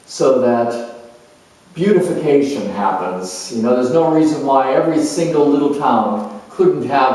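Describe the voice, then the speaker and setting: In a dramatized first-person monologue, a man acts a proud, charming, opinionated career politician turned world judge, sounding self-assured. His medium-pitched, slightly mellow voice is slow, heard through roomy echo from a distant microphone.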